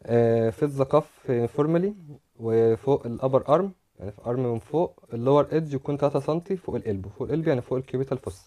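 A man's voice: mid-range voice, rapid-fire, warm tone. A man with an Egyptian Arabic accent giving a medical lecture over slides, explaining step by step and repeating words as he demonstrates.

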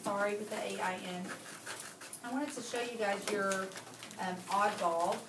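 A woman's voice: medium pitch, steady tone, measured pace. A woman teaching a spelling lesson, explaining patiently step by step with the odd filler. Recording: echoey room, noisy, mic far off.

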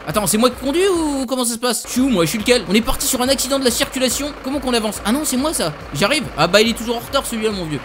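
A man giving joking, excitable commentary while playing a video game. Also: very high voice, rapid-fire, few pauses, noisy background. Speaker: gaming YouTuber. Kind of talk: let's play commentary.

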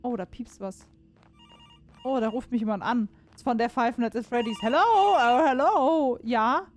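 A woman's voice: fairly high pitch, steady tone, moderate pace, a little mellow, a little hiss or hum. A woman giving casual let's-play commentary on a horror game, chatting to herself and viewers, cursing and exclaiming when something startles her. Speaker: gaming streamer.

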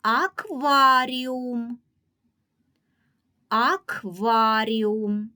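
A woman with a Ukrainian accent teaching a reading lesson to young children, drawing out each example word slowly and giving patient, clearly paced instructions. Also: medium pitch. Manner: slow, drawn-out pronunciation of example words.

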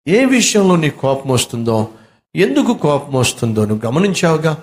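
Pastor preaching with rhetorical questions. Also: male voice, on the high side, very animated, normal speed. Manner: repetitive rhetorical questions, emphatic lists. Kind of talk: sermon.

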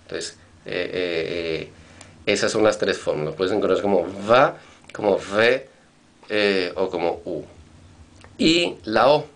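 A man's voice: deep voice, a bit bright. A man teaching Hebrew vocabulary in a recorded lesson, patiently repeating and spelling out words.

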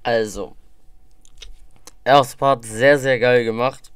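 A man's voice: mid-range voice, steady tone, slow. A man giving casual, enthusiastic, rambling reaction commentary on music into a desk microphone. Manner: enthusiastic, slangy, rambling with fillers.

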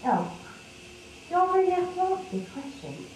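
A shy young virtual woman, voiced by a woman, answers questions with hesitant, reluctant replies. She is heard from a distance in a very echoey room. Steady background noise hangs around her. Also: very high voice, moderate pace. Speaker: interviewee in a study. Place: research VR room.

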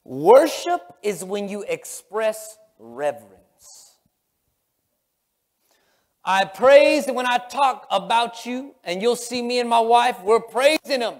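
A middle-aged man preaches from the stage of a large sanctuary, taking it slowly in a very high, expressive voice. He hammers his points repetitively and emphatically, rising to loud exclamations and dropping to hushed murmurs, all under a long hall reverb.

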